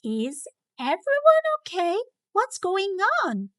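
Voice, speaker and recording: Woman playing a high-voiced, bustling storybook school nurse. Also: expressive, slow pace, dry recording, studio quality. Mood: concerned, cheery. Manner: exaggerated cartoon intonation.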